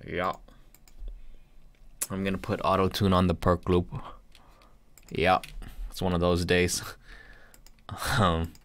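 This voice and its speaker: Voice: low voice, level tone, slow, long pauses. A music producer in casual studio chat with viewers, loose and chatty, full of likes and small laughs.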